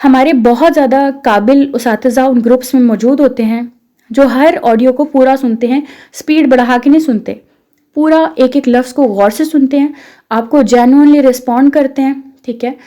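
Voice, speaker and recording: A high-pitched woman with a Pakistani accent, speaking in a mellow, dark tone. She is an English course instructor walking through her program step by step. She keeps asking rhetorical questions and mixes English phrases into her talk. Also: moderate pace. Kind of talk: promotional course explainer.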